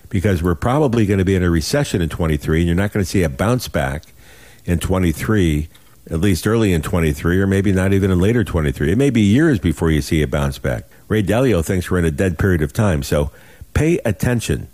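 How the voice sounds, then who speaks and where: A man in his sixties with a deep voice hosts a money show on radio. He sells in a folksy, urgent way, leaning on his points and repeating them. The sound is close and dry. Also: a little mellow, no room sound. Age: 60s. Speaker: financial radio show host. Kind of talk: radio sales pitch talk.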